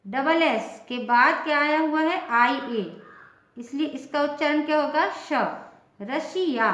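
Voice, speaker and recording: A high-voiced woman teaches pronunciation at a very slow, deliberate pace. She spells each word out letter by letter, then repeats it and gives its meaning. The recording sounds roomy and a little dull. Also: a bit bright. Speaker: English teacher.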